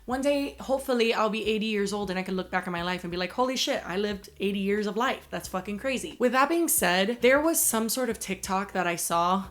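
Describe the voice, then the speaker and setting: A woman in her twenties telling stories to camera in a casual, animated, rambling way, swearing freely. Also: medium pitch, fairly quick, hardly any pauses. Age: 20s. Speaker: YouTube vlogger. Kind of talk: casual chatty storytelling Q&A to camera. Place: small furnished room indoors.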